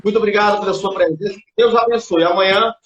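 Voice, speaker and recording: A man's voice: high-pitched, fast, a bit bright, dull audio. A man with a Brazilian accent hosting and closing a live religious broadcast, blessing and thanking viewers. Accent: Brazilian Portuguese. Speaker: host.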